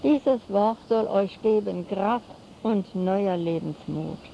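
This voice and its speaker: Slow, gravelly older woman preaching. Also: mid-range voice, dark tone. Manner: solemn, slow preaching with rhyming phrases. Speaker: lay preacher. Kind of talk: sermon to a congregation. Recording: dull lo-fi recording with faint noise.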